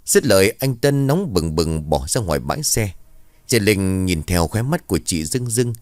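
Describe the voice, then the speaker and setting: A man narrating a scripted ghost story in a steady storytelling voice. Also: low voice, normal speed, dry recording.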